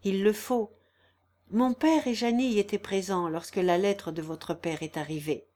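Woman reading as a proud, gentle young woman. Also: mid-range voice, moderate pace, close to an everyday voice. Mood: sorrowful. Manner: earnest, steady, persuasive. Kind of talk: audiobook reading.

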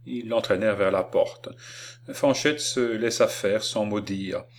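A man reading an audiobook of a classic novel with measured, expressive narration. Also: lowish voice, a little hiss or hum. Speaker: audiobook reader.

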